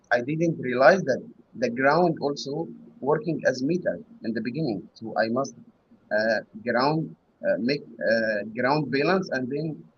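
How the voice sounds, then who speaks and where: A husky-voiced man speaks over a bad connection that keeps dropping out, the video-call audio dull and muffled. He is not a native English speaker. He talks in a hesitant, halting way, pausing and restarting as he searches for words. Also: medium pitch. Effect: bad connection, mic cutting out. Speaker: guest caller. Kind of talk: casual chat. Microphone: online video call.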